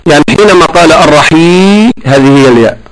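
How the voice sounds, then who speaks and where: A man teaching correct Quran recitation, explaining patiently and chanting verses slowly to demonstrate. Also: on the high side, animated, rough recording.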